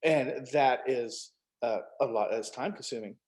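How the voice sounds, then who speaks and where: During a relaxed panel chat, a novel's co-writer talks in an unhurried, slightly mellow, medium-pitched voice, with a little hiss or hum on the recording. He shares anecdotes and performs snippets of quoted dialogue.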